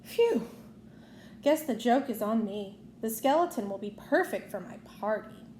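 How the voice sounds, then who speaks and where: Storybook cartoon mouse, male, cheerful and excitable, played by a woman, high-pitched, in a roomy space. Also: a little slow. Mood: relieved, pleased. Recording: roomy echo, faint noise.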